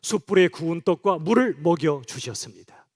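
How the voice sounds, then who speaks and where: Male pastor, higher-pitched voice, preaching to his congregation in a direct, chatty way. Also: lively intonation, normal speed. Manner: direct, conversational address to the congregation. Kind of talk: sermon. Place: church.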